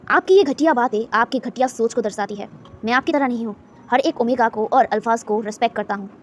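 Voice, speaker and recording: A woman's voice: fairly high pitch, darkish tone, close to an everyday voice. A woman voicing a proud young man who firmly stands up for himself, in a storybook reading. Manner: indignant, firm speech. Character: proud young man, hurt but defiant.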